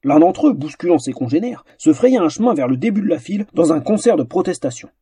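A man narrating a fantasy story in a theatrical, animated audiobook style. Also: fairly high pitch, fast talker, breathy edge, dry recording.

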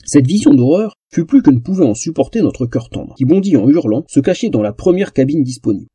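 Male audiobook narrator, comic fantasy, expressive, husky and very dark, dry close sound. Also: fairly high pitch, fairly quick, no echo.

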